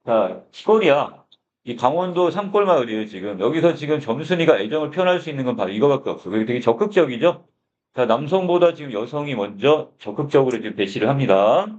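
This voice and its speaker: Male teacher, mid pitch, dull lo-fi sound; a lecture voice that asks questions and answers them. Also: sing-song, fast, a little mellow. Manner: starts phrases with a repeated filler, asks questions and answers them himself. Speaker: literature teacher. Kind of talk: lecture explaining a short story.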